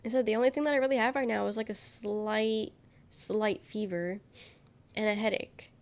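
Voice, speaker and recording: Speaking at a normal speed with a steady tone and mid-range voice, this young woman livestreamer rambles casually to viewers while reading chat aloud. Being sick has left her voice congested, nasal and worn.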